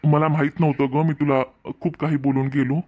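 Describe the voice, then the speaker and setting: A man's voice: a little high, level tone, fairly quick, phone-quality sound, close to an everyday voice. A man voicing an insistent, earnest young married man in a cartoon story, with a Marathwada Marathi accent. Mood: soothing. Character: married young man, pushy then apologetic lover.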